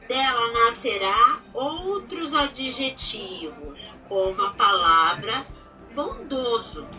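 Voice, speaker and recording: A Brazilian woman teaches grammar in an unhurried, patient way, pausing to ask if everyone follows. Her voice sits high and sounds very bright. She is recorded from some distance, with soft music in the background. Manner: patient, explains step by step with examples, checks in with "certo?".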